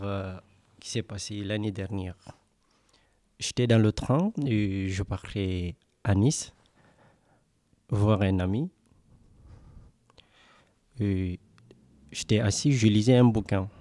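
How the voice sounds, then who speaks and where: A man's voice: lowish voice, mellow, no echo. A young man from West Africa telling a personal story in a casual, conversational way, acting out the dialogue.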